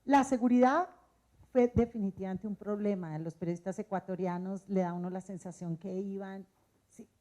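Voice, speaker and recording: A woman's voice: medium pitch, moderate pace, mellow. Colombian woman moderating a panel. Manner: conversational, posing questions. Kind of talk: panel discussion.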